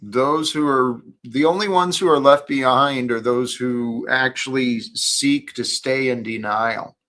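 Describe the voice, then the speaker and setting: A man's voice: mid-range voice, fairly even intonation, measured pace, a bit bright. A man hosting an earnest spiritual discussion in a preachy, emphatic way. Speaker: host of a faith discussion.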